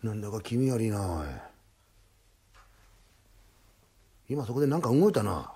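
Guy putting on a rowdy burglar, twang, husky, shouty, jumps all over in pitch. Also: animated, quick pace, heavily acted. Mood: startled, grumbling. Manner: loud, blustering, coarse. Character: rough blustering male burglar, easily flustered. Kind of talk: comic storytelling.

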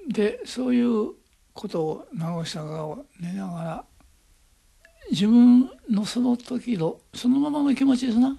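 A man's voice: very high-pitched, unhurried, creaky, husky. An older man with an Osaka accent, reminiscing as an interview guest and acting out the voices in his stories. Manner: animated storyteller acting out quoted voices.

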